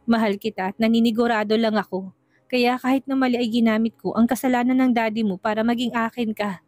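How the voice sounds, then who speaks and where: A woman voicing a gentle, earnest young man who is in love, in a storybook reading. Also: fairly high pitch, fairly even intonation, fast talker, no echo, natural voice. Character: tender lovesick young man. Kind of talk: storybook narration.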